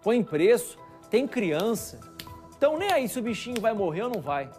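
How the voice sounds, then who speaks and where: A man's voice: sits high, sing-song, normal speed, darkish tone, soft background music. A male news anchor with a Brazilian accent, commenting in a conversational, indignant way in a TV studio, asking rhetorical questions. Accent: Brazilian Portuguese.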